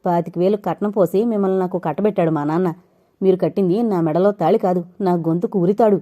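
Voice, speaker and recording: Woman doing a bitter young wife, shrill and tearful, raised and pitched up, mellow tone, audio novel. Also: fast talker, close to an everyday voice. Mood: angry, tearful.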